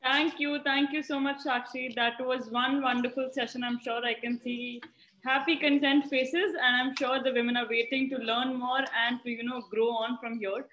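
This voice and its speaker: A woman's voice: high-pitched, fairly even intonation, normal speed, fairly bright tone. A woman with an Indian accent giving polished hosting remarks on a video call. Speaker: session host. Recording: echoey video call, faint noise.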